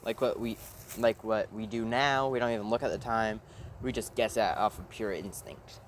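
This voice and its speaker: A man's voice: on the low side, normal speed, slight background noise. A man casually narrating a made-up fan story, rambling, with fillers and the odd swear word.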